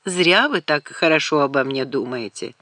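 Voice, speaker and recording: A woman reader voicing an old, courteous and protective baron, speaking softly and earnestly. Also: low voice, lively intonation, moderate pace, no echo, studio quality.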